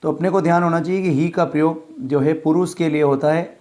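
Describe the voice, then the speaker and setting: A man from India teaching an English workbook lesson, reading sentences slowly and explaining them in Hindi. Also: fairly high pitch, steady tone, a little mellow.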